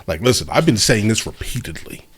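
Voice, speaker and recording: A low-voiced man reacts off the cuff. His voice is husky and his pitch moves around a lot. He talks casually and with slang, checking in with the listener as he goes. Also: very animated, fairly quick. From New York, United States. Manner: informal, slangy, checks in with "right?". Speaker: reaction video host.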